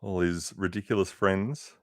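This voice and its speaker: A man reading a children's picture book aloud with expressive, unhurried storytelling and casual asides. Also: deep voice, no room sound, clean studio sound. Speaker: reader.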